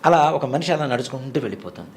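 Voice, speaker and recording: A man's voice: mid-range voice, lively intonation, rapid-fire, slight background noise. A man in his forties telling a personal story in an interview, retelling it vividly and acting out the voices he quotes. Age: 40s. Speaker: interview guest recounting a temple experience. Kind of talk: conversational storytelling.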